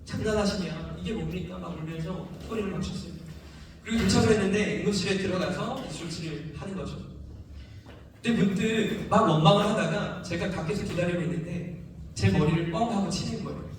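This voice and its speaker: A man's voice: sits high, brisk, a little hiss or hum. A man telling a personal testimony in a sermon, with emotional storytelling that acts out voices and sounds. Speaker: preacher giving testimony. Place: church sanctuary. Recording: echoey church hall from far off.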